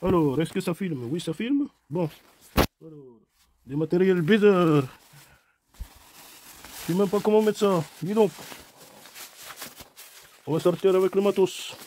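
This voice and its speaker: A man's voice: sits high, measured pace, long pauses, a little mellow, slight background noise. A tired man chatting to himself outdoors as he films his garden DIY from a camera strapped to his head. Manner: rambling, chatty, talks to himself and his animals. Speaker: vlogger doing garden DIY. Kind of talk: casual self-narrated vlog. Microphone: head-mounted camera.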